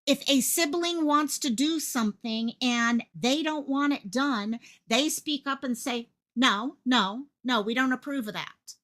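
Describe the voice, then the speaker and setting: With a high-pitched, fairly bright voice, this woman speaks unhurriedly yet with hardly any pauses. She hosts her own online channel, giving impassioned livestream commentary, repeating phrases for emphasis and projecting like a stage actor.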